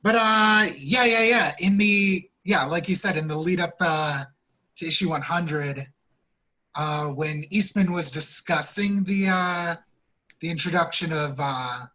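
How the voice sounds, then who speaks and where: A man with a bright, fairly high voice explains things in a halting way on a podcast. His casual chat stumbles through many pauses and fillers. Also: rough recording. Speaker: podcast co-host.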